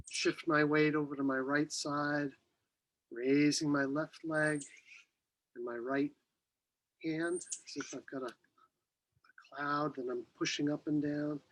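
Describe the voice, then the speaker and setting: A man teaching qi gong, giving serene, unhurried movement and breathing cues with long pauses. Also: on the high side, poor audio. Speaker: qi gong instructor.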